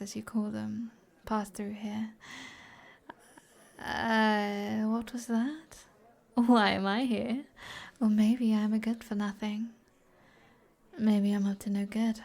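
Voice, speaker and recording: Speaking slowly in a British accent, a woman voices an alluring fantasy sorceress for an intimate ASMR roleplay, lingering over every phrase. Her medium-pitched, breathy delivery hovers close to a whisper with minimal pitch variation. The mood is flirtatious, playful and teasing.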